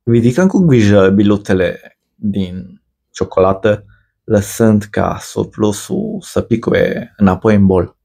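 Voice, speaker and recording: A man giving a measured, ornate, scripted voice-over for a cooking video. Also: lowish voice, creaky, mellow. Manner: measured, ornate storytelling delivery. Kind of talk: scripted poetic voice-over narration.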